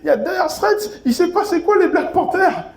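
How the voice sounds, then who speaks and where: A man's voice: very high voice, moderate pace, voice pushed up. A man voicing a teenage schoolboy who insistently mocks his friend in front of the teacher. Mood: mocking, excited. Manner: excited, insistent, mocking. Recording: roomy club echo.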